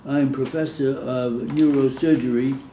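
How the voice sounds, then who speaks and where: Reading from a script, a man dictates a court transcript, speaking aloud the questions, answers and speaker labels of courtroom testimony. His warm, medium-pitched voice is a little slow with fairly even intonation, recorded with a roomy echo and faint background noise.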